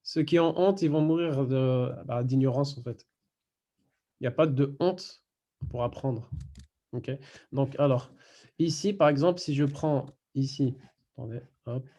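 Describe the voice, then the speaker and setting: A man teaching a Quran recitation class online, patiently explaining step by step and repeating words slowly. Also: mid-range voice, warm tone.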